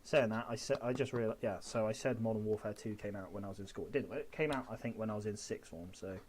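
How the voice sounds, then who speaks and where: Chatty low-voiced man in his twenties. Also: fast talker, darkish tone. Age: 20s. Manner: rambling, self-correcting, chatty. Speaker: streamer painting models. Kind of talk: casual chat while painting.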